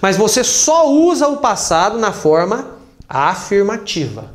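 A man's voice: high-pitched, big pitch swings, a little slow. A man with a Brazilian Portuguese accent teaching an English grammar lesson, patiently repeating points with examples. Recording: roomy echo.

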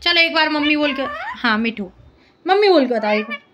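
A woman's voice: high-pitched, lively intonation, a little fast. Woman coaxing her pet, noisy room. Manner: coaxing, affectionate baby talk. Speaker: pet parrot owner. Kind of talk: casual home video talking to a pet.

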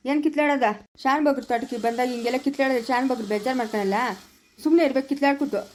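A woman's voice: sits high, steady tone, very fast, a little mellow, slight background noise, voice pushed down, natural voice. A woman voicing a village woman who chides quarreling farm workers. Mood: chiding. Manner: scolding, pleading.

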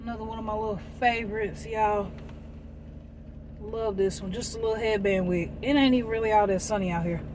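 A woman's voice: medium pitch, steady tone, a little fast. Toothless-sounding American woman chatting in a noisy car. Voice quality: toothless, slightly slushy articulation, without her dentures in. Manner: folksy, candid, often addressing viewers as y'all. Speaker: vlogger, stay-at-home mother. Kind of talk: casual vlog chat while driving. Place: inside a car while driving. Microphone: phone clipped in the car. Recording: noisy car interior, road noise.

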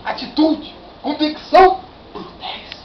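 A middle-aged man giving a fervent lay sermon in a workplace meeting room, animated and pacing, shouting at the peaks, filmed by a far-off camera. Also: very high voice, measured pace. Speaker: lay preacher. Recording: echoey, distant, dull lo-fi with noise.

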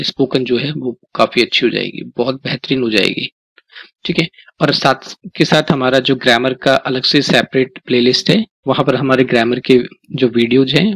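A man with an Indian accent teaching spoken English, slowly drilling phrases for the viewer to repeat and often checking in with the listener. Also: mid-range voice, gravelly, a bit bright, slightly rough, dry recording, low-quality recording. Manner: coaxing, checks in with "ठीक है?". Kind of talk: Hindi-English language lesson.

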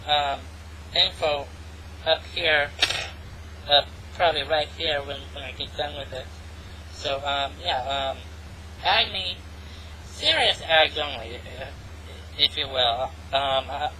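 Voice-changer pitch-shifted vlogger. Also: sharp tone, slight background noise, poor audio. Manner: halting, full of ums and restarts. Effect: pitch-shifted voice changer, meant to sound female. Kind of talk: casual rambling vlog monologue. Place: home, hot climate.

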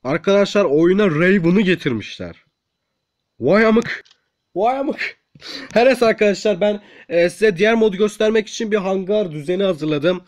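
A young man hosting his gaming channel, giving excitable let's-play commentary, swearing, pleading and shouting at the game. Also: high-pitched, brisk, hardly any pauses, low-quality recording.

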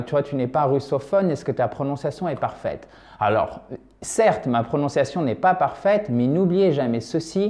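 Mellow-voiced man teaching a language lesson. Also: mid-range voice. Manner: patient, repeats words slowly, checks in often. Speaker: Russian teacher.

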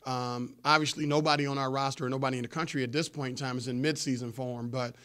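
A man in his forties, a head coach answering postgame press questions in a measured, explanatory way with frequent fillers, seated at a table microphone in a press room. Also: mid-range voice, fairly even intonation, a bit bright. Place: press room before a sponsor backdrop. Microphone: table microphone in front of him.

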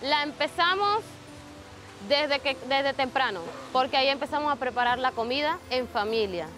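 A young Venezuelan woman, a migrant mother, speaking plainly and with feeling in a halting street interview in an outdoor shelter. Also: high voice, a bit bright, soft background music.

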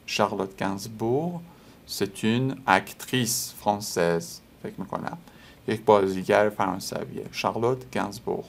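A man whose first language is Persian teaches French casually, explaining in Persian and repeating French words slowly. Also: fairly low pitch, gravelly, fairly bright tone.

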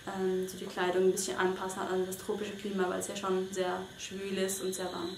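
Speaking briskly in a medium pitch with a completely flat delivery, a young Swiss woman answers interview questions as a volunteer. She's casual and hesitant, restarting and filling gaps often, and the recording from her small bedroom is echoey with faint noise.

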